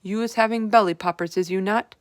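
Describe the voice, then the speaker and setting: Reading aloud from a storybook, a woman voices a big, friendly old male giant who mangles his words, folksy and earnest. Her lightly acted delivery is medium-pitched, fairly even and fairly quick, recorded cleanly in a studio with no echo.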